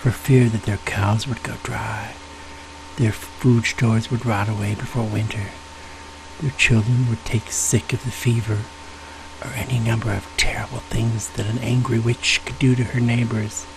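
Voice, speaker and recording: A soft-spoken, folksy man telling ghost stories in an unhurried ASMR style, sometimes dropping into a whisper. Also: fairly low pitch, fairly even intonation, creaky, music in the background, poor audio. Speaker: storyteller, ASMR host.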